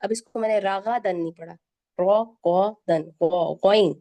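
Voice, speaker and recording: A woman with a Pakistani Urdu accent teaching Quran recitation in an online lesson, patiently drilling each letter sound slowly and repeating it. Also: mid-range voice, warm tone.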